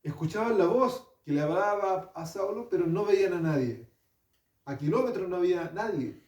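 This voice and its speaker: Man preaching a sermon, higher voice, mellow tone; heard from a distance in a roomy hall. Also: expressive, normal speed. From Chile. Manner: storytelling, asks the congregation questions. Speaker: pastor. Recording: echoey hall, distant mic.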